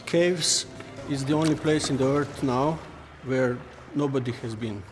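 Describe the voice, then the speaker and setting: A man's voice: mid-range voice, unhurried. Male speaker in long reverb. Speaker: cave diver. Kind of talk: documentary interview. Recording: long cavernous reverb, faint music.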